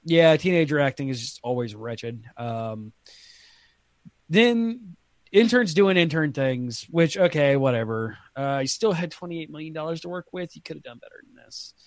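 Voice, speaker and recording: A man's voice: on the high side, expressive, moderate pace, no room sound. A man co-hosting a podcast review in casual chat, blunt and opinionated, laughing easily. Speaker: podcast co-host.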